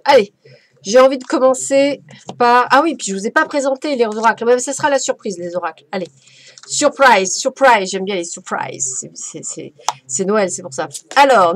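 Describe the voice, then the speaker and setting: A woman giving a casual, playful oracle card reading as a medium, chatty and effusive. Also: fairly high pitch. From France.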